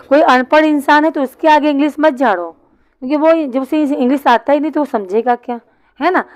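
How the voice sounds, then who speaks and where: A woman's voice: sits high, no room sound, rough recording. A woman teaching an online English class, explaining step by step and answering her own questions.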